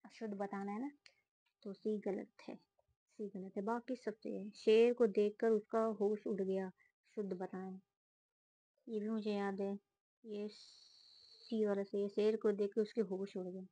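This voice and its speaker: A woman talks through an exam paper, reading options aloud and ruling on each one in a few words. Her voice is mellow and warm, and the recording is dry with no room sound. She speaks casually, like a student thinking out loud. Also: mid-range voice, flat delivery, breathy edge, no echo, low-quality recording. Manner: reads options aloud, then quick verdicts. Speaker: student solving a test series. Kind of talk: casual spoken walkthrough of exam answers.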